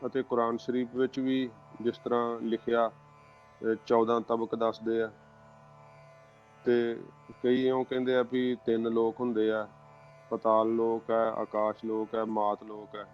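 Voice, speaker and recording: A man teaching correct recitation of scripture, speaking slowly and carefully, spelling out syllables and pauses. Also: medium pitch, monotone. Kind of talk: religious pronunciation lesson. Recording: dull lo-fi recording with faint background music.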